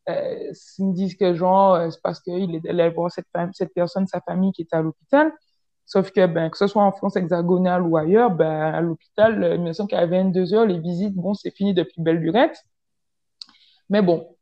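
A woman telling a dating story in casual chat, lively and full of fillers, acting out what people said. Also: lowish voice, moderate pace. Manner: animated, acts out quoted lines, many fillers. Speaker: podcast storyteller. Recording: dull lo-fi sound.

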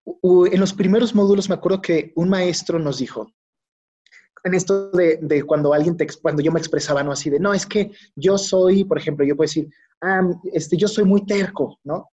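A man's voice: a little high, steady tone, brisk, warm tone, faint music behind. A man with a Mexican accent, a guest in a casual interview, telling anecdotes and acting out the dialogue of others as he recalls it. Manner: anecdotal, acts out quoted dialogue, frequent "¿no?" tags. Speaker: guest, psychologist and yoga teacher. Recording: dull lo-fi audio.

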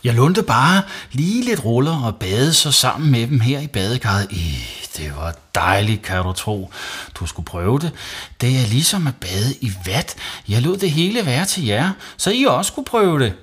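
A man's voice: medium pitch, big pitch swings, a bit bright, slightly rough, voice pushed up. A man reading a storybook and voicing a cheeky young boy who chatters eagerly and pleads. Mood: pleading.

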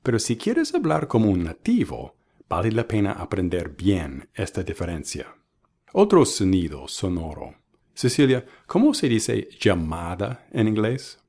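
A man teaching English pronunciation in a bilingual lesson, modeling each word slowly and contrasting wrong and right versions. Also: fairly low pitch, sing-song, a little mellow. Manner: slow, deliberate, models words by contrast. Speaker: language teacher.

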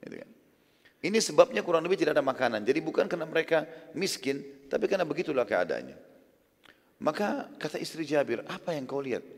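A man preaching in Indonesian-language sermon style, retelling a story in a lively way and acting out the people in it. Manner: animated retelling, acting out lines with rising pitch and volume. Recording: long hall reverb.

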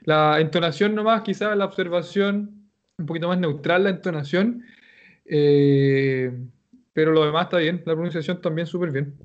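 A man with a Chilean accent, teaching Japanese and giving relaxed, joking feedback in an online class. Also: fairly high pitch, moderate pace, muffled recording. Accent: Chilean Spanish.

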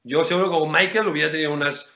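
A man, a basketball player chatting as a guest in an interview, animated, rambling and slangy. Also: a little high, racing. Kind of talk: casual interview chat. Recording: roomy, dull lo-fi sound.

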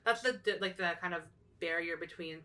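A woman's voice: on the low side, brisk, sharp tone, far from the mic. A young woman co-hosting a casual podcast, talking thoughtfully with lots of fillers and restarts. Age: young adult. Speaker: podcast co-host.

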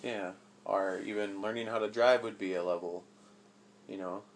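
A man's voice: fairly low pitch, fairly even intonation, moderate pace, a little hiss or hum. A man chatting casually with his child as her father, asking playful, probing questions. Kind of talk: casual chat.

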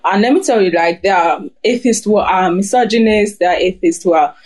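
A woman's voice: mid-range voice, brisk, darkish tone. A young woman who grew up in Germany, speaking hesitantly over a phone in a casual group discussion. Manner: hesitant, many fillers.

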